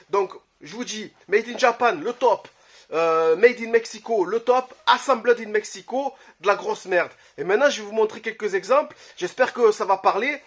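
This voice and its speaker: A man, casually talking to camera about his collection, blunt and quick to swear, with lots of "euh" fillers. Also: sits high, fairly bright tone. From Marseille, France. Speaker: retro game collector vlogger. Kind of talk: casual vlog talk to camera. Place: his home, early morning.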